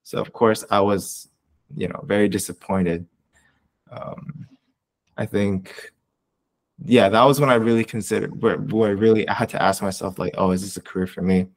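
A man's voice: fairly low pitch, fairly even intonation, moderate pace. A young man from Canada, a research coordinator answering interview questions in a casual, rambling way with many fillers and restarts.

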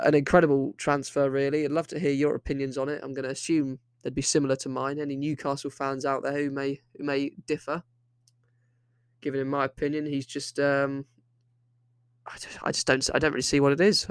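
A man's voice: medium pitch, little pitch movement, brisk, clean tone, dry recording, clean studio sound. A young man hosting a solo football podcast, opinionated and rambling, often restarting his sentences. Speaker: podcast host.

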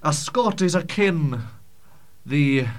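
A man doing a self-important Scottish nobleman in a hammy put-on Scottish accent, spinning grand tales that keep losing their thread. He drawls slowly and lets his words meander. It is an improvised comic character monologue. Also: on the high side, lively intonation. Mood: rambling mock-grand. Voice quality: mock-grand, rambling, loses his thread.

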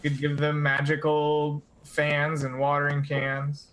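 A man's voice: on the high side, completely flat delivery, a little slow, a bit bright, poor audio. A man playing a tabletop game, casually describing what he wants to do. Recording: noticeable background noise.

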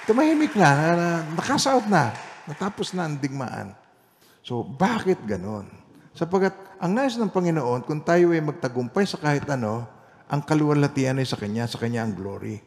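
Animated male pastor preaching in reverberant hall. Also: mid-range voice, normal speed, a faint crowd, slight background noise. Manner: animated storytelling, swinging between loud emphasis and quiet asides. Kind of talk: Bible study sermon with personal testimony.

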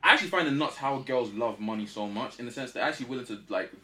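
A man's voice: medium pitch, quick pace, pushed and bright. A young man with a London roadman accent, bantering casually in street slang as a podcast guest. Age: young adult. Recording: noticeable background noise.

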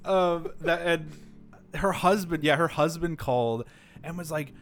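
A man's voice: fairly high pitch, measured pace, a bit bright, faint music behind. A man co-hosting a podcast, telling a work story in casual chat, full of "like" fillers and acted-out quotes. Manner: rambling, many "like" fillers, acts out quotes. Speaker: podcast co-host. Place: live-streamed podcast setup.

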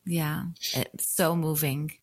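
A woman's voice: deep voice, fairly even intonation, slow, husky, no echo. A woman hosting a podcast, talking in an earnest, encouraging interview manner. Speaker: podcast host. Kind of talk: warm interview conversation.

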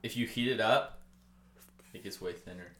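A man's voice: lowish voice, normal speed, a bit bright. A young man chatting casually as a guest, easygoing and matter-of-fact, explaining things in short pieces. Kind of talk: casual chat. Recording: echoey room with clear background noise.

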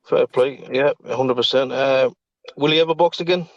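A man hosts a relaxed, conversational podcast. His middle-pitched voice sits in dry, slightly muffled audio, as if on an online call. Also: moderate pace, no room sound. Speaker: podcast host. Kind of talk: casual chat.

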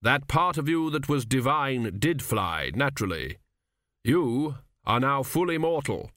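Death as a grave, unhurried reaper who speaks in slow, measured, matter-of-fact words, put on by a man. The voice has an odd, set-apart timbre and a dry, close sound. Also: medium pitch, sing-song, a bit bright, dry recording. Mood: calm.

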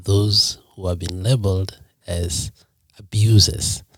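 A man's voice: deep voice, fairly even intonation, slow, fairly bright tone, breathy edge, no room sound, studio quality. A man from Kenya, telling his personal story as a guest in a podcast interview, earnest and reflective.

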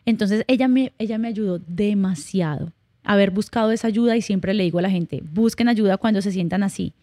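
Young adult woman, podcast guest. Candid, heartfelt storyteller. Mellow, warm tone, dry close sound. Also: medium pitch, brisk, no echo. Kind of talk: casual conversational interview.

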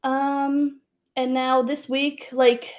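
A woman's voice: high-pitched, flat delivery, drawn-out words. Chatty pregnant woman in her thirties. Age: 30s. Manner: chatty, laughs often, trails off into fillers. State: pregnant, tires quickly. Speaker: podcast co-host. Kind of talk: casual chat.

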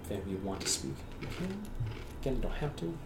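A man's voice: medium pitch, big pitch swings, fast, vocal fry. Guy running a tabletop game, narrating casually, echoey with background noise. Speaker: game master. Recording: roomy, distant mic with background noise.

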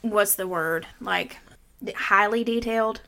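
A woman's voice: mid-range voice, takes it slowly, vocal fry, bright, forceful tone. A woman around her thirties hosting a movie recap, mixing scripted summary with informal, salty chat. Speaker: podcast host.

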